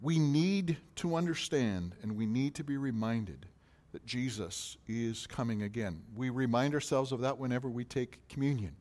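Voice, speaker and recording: A pastor preaching a sermon, asking questions in a rising voice and answering them more quietly. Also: male voice, mid-range voice, normal speed.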